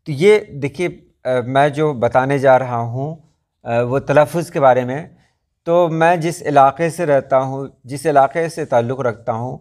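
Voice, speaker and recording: A man teaching pronunciation in a video lesson, repeating example sounds and words slowly for practice. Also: mid-range voice, a little mellow. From Muzaffarpur, India.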